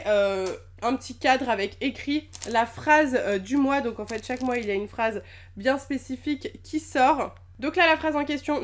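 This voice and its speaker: A young woman chatting casually in an unboxing vlog, gushing and bubbly, with lots of fillers. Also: high-pitched. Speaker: YouTuber unboxing packages.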